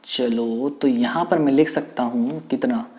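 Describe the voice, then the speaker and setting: A male teacher giving a recorded lecture with an animated, playful manner, often exclaiming and repeating words. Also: mid-range voice, measured pace.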